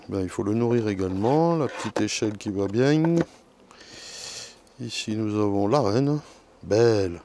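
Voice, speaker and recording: A man checking his beehives outdoors, chatting loudly and self-mockingly to a camera mic some distance away, in a joking put-on southern French twang. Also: mid-range voice, a little hiss or hum. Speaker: beekeeper. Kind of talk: casual vlog while working. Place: outdoor apiary among hives. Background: faint buzzing of bees.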